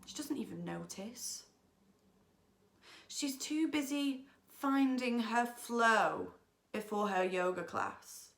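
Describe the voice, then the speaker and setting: A woman's voice: on the high side, big pitch swings, takes it slowly, gravelly, a bit bright, heavily acted. An actress playing a chatty, self-absorbed young woman who has just left home, talking a theatrical monologue with dramatic swings. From England. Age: young adult. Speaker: actor in a monologue.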